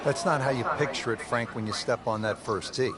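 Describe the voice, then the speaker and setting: A man's voice: mid-range voice, fairly quick, very noisy, natural voice. A man playing a composed television golf commentator, calling play-by-play for a video game. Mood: measured commentary. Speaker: golf commentator, lead announcer.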